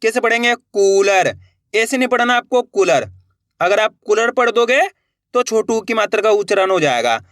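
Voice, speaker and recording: A man's voice: sits high, brisk, a bit bright, no echo, clean studio sound. A man teaching Hindi reading step by step, stretching out syllables and asking the viewer repeated questions. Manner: addresses viewers as friends, encouraging. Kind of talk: step-by-step phonics lesson.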